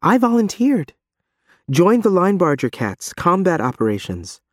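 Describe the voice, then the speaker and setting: A man's voice: high voice, huge pitch swings, unhurried, dry recording, clean studio sound, voice pushed up, exaggerated voice. A man voicing a guarded but insistent woman war veteran in an audiobook. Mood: frank, guarded. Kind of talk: audiobook character dialogue.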